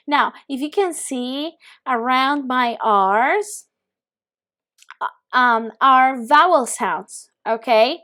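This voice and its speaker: A woman's voice: a little high, fairly bright tone. A woman teaching Spanish pronunciation, patiently modeling sounds for students to repeat. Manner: slow and patient, drawing out sounds for repetition. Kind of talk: pronunciation lesson.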